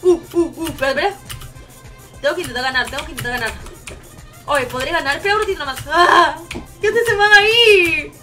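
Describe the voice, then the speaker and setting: A woman's voice: high voice, brisk, long pauses, faint music behind. A young woman streaming a game live, chatting with viewers, shrieking and swearing as she plays. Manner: excitable, shrieks and swears while playing.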